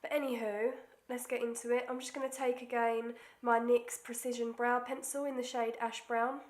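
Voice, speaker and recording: Her voice is on the high side and level in tone, moving at a moderate pace. She's a young beauty vlogger with a cold-blocked nose, chatty and self-mocking as she works through a makeup tutorial, slipping into near-whispers while she concentrates, all in an echoey room.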